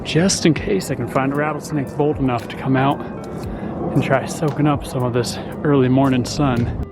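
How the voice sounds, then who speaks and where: A man's voice: mid-range voice, normal speed, music in the background. A man chatting casually to the camera while hiking up a desert mountain trail, a bit out of breath. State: out of breath from walking uphill. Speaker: nature vlogger. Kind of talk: casual hiking vlog narration.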